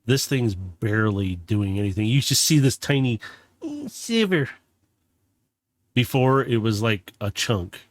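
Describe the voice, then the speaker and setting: A man's voice: on the low side, lively intonation, measured pace, no room sound. Man narrating a tabletop game, dry sound. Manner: casual, descriptive, self-correcting. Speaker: game master.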